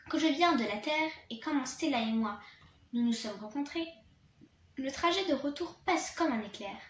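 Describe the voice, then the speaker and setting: A woman with a high voice reads a children's storybook aloud, tripping over words now and then and starting them again. The room around her is echoey, with a faint hiss underneath. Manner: reads with occasional restarts and slips.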